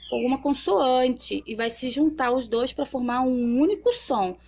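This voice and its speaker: A young woman teaching a children's literacy lesson, drawing as she talks and slowly sounding out syllables, often checking in with the listener. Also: high-pitched, vocal fry, a little mellow. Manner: checks in often with tag questions.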